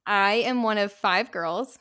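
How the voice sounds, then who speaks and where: Slow-talking giggly young woman. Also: medium pitch, bright, forceful tone, clean tone. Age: 20s. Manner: giggly, laughs often. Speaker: podcast host. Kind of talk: casual chat.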